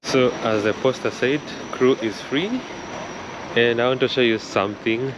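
A young travel vlogger with a mid-range voice films a walking vlog, starting at a rainy harbor outdoors and moving into a concert hall. He chats slowly and thoughtfully, mentioning that he struggles with R and L, while holding the camera close at chest height with street noise behind him.

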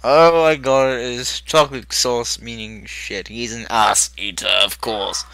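A woman's voice: rumbling low, fairly even intonation, measured pace, vocal fry, fairly bright tone, no echo, exaggerated voice. A woman voicing a manic, giggling male villain clown, reacting to videos in character with crude, theatrical remarks. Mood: gleeful, unhinged.

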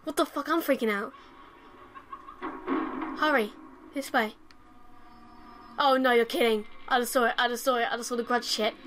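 A woman's voice: on the high side, steady tone, normal speed, pauses often, a bit bright. Jittery swearing young woman gamer. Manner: jumpy, swears a lot, panics and repeats herself. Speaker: let's play host. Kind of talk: casual gameplay commentary. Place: her room at home. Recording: noisy home recording with buzz.

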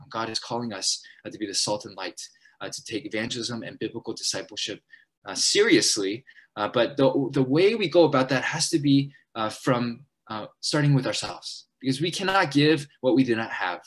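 A young man gives a church seminar talk to college students, pressing ahead in a hurried, earnest rush. His voice sits at an everyday middle pitch. He often stops to restart his sentences and fills the gaps with "um" and "uh". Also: fairly bright tone, husky. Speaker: college ministry leader at a church.

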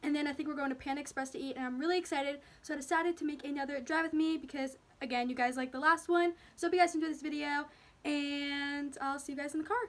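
A woman's voice: high voice, fairly even intonation, quick pace. A teenage girl vlogging to her phone camera, chatty and giggly as she talks to her viewers. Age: teens. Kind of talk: casual vlog chat. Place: bedroom, then car and store. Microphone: phone camera at arm's length. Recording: phone video with loud car noise.

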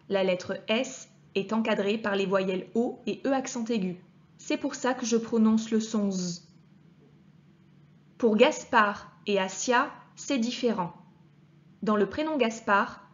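Woman, primary school teacher, very slow, carefully spelled-out sounds, patient, slightly muffled recording. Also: medium pitch. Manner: patient, addresses the child directly, deliberately articulated sounds. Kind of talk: slow, clear reading lesson for children.

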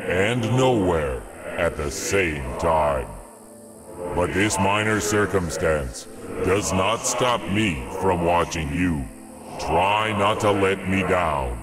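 A man voicing a calm, menacing, unseen male arena overseer in a video game, speaking slowly and quietly. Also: low-pitched. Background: loud game music.

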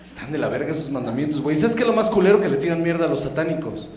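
A man's voice: on the high side, animated, racing, darkish tone, slight background noise. A man with a Mexican accent doing a stand-up comedy set, talking in brash, profane slang. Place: comedy club stage with live audience. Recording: roomy live club with audience laughter.

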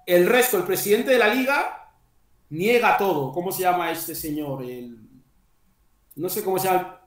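A man's voice: high-pitched, expressive, normal speed. A middle-aged man hosting an online panel discussion over a video call from a small tiled room, talking conversationally and groping for names. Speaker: host. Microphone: headset on a video call. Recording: echoey room, far from the mic.

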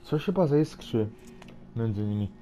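Casual male gamer, mid-pitched. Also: animated, normal speed. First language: Polish. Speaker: gaming commentator. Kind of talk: casual let's play commentary. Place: close mic, game music behind.

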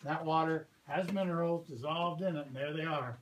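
A man's voice: a little high, normal speed. A man working as a park ranger, giving a guided cave tour in a patient, explanatory way. He often checks in with the group. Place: visitor center lobby, then inside a cave. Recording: echoey cave with loud ambient noise.

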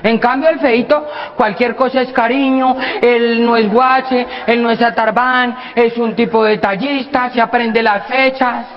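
A man with a Colombian accent doing stand-up comedy, acting out scenes and shouting his punchlines. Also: very high voice, steady tone, measured pace. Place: comedy stage before a live audience. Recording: dull live recording with audience noise.

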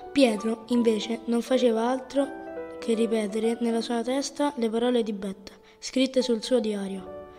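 Female audiobook narrator, mellow and measured, higher voice, faint music behind. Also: steady tone. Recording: reverberant audiobook over music.

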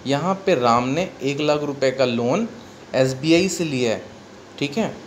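An accountancy teacher with an Indian accent lectures in a mix of Hindi and English, working step by step and posing questions he then answers himself. He speaks at a measured pace in a medium-pitched voice with lively intonation, over faint background noise.

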